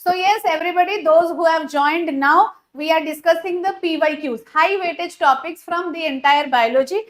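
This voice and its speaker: A woman's voice: very high-pitched, extremely slow. A woman with a Telugu accent teaching a live online biology class, mixing English with Telugu and often saying "okay" and "uh". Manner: mixes English and Telugu, repeats 'okay', frequent 'uh' fillers.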